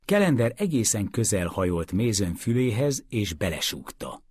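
A man narrating an audiobook in an expressive storytelling way, with dry close studio sound. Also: on the low side, breathy edge, dry recording. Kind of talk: scripted narration.

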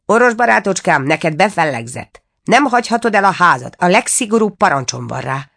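A woman's voice: lowish voice, sing-song, a bit bright, pitched above the performer's own voice, exaggerated voice. A woman voicing a stern, commanding palace guard in a storybook reading. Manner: gruff, commanding.

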